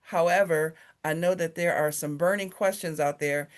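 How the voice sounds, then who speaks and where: Low-voiced woman hosting a community meeting. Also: fairly even intonation. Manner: upbeat, joking, reads numbers slowly and clearly.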